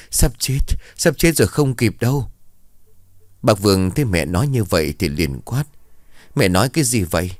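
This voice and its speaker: A man narrating a ghost story in an expressive, dramatic way. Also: deep voice, dry recording, clean studio sound.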